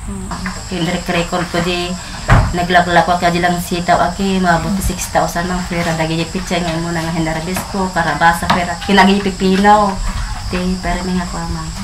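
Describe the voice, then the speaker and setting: Low-voiced hesitant Filipino farm woman. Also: level tone, fairly quick. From Philippines. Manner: hesitant, trailing off. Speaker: farmer. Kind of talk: documentary interview. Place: indoors, seated in a dim room. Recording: indoor interview with audible background noise.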